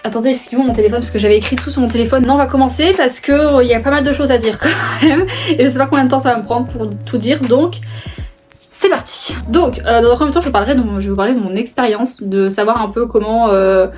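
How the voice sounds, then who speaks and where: A woman's voice: a little high, fast talker, darkish tone, faint music behind. A young woman casually chatting to camera in a vlog, rambling with lots of fillers and restarts, laughing often. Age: young adult. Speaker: book vlogger. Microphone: phone camera.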